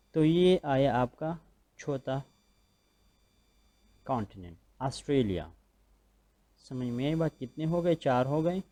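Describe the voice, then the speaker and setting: A man's voice: medium pitch, dark tone. A man with a Pakistani accent giving a recorded school lecture, patiently repeating points and checking that students follow. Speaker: school teacher.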